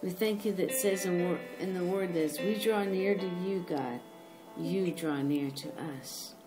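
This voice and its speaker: A woman hosting a faith podcast, leading a slow, fervent spoken prayer full of repeated thanks. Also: lowish voice. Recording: music playing behind.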